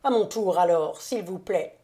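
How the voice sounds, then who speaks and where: A woman reading the lines of a proud, sardonic count with bitter scorn, slow and mellow. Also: lowish voice. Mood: scornful. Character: proud sardonic male count, cold and mocking. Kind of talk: audiobook character reading.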